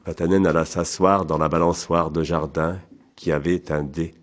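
A man narrating an audiobook in a calm, even, measured way. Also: rumbling low.

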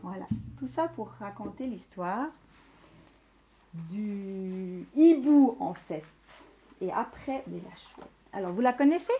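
A woman's voice: mid-range voice, expressive, moderate pace, dark tone, highs cut off, slight background noise. A woman telling a folk tale aloud to listeners, speaking to them directly and unhurriedly. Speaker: storyteller. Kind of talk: live oral storytelling to an audience.

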